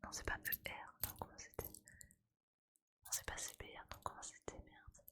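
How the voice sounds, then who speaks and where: Streaming an ASMR chat, a woman whispers breathily in a relaxed, playful way, full of slang and colloquial phrasing. Her delivery is a little slow, with a sharp tone.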